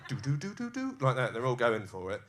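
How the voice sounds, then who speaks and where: A man's voice: medium pitch, wildly swooping pitch, fairly quick, fairly bright tone, slight background noise. A man doing a live stand-up set in a comedy club, acting out scenes with crude jokes. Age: 30s.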